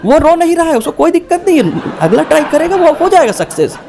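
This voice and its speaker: A man's voice: quick pace, vocal fry, crowd noise, noisy background. A young man performing a stand-up comedy set, acting out characters with big swings in his voice. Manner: animated, acts out characters with shifting pitch.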